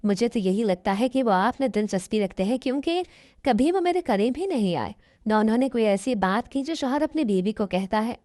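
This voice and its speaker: A woman voicing a helpless young second wife who speaks softly and pleads. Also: on the high side, animated, brisk, no echo, studio quality, lightly acted. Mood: pleading. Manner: soft, pleading.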